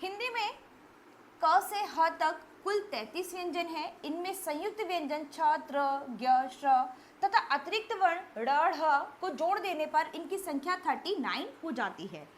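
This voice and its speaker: A woman with a high voice explains a grammar lesson for children one step at a time, pausing now and then to check in. Faint noise runs underneath her speech. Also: expressive. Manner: explains step by step, often checks in with "thik hai". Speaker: teacher.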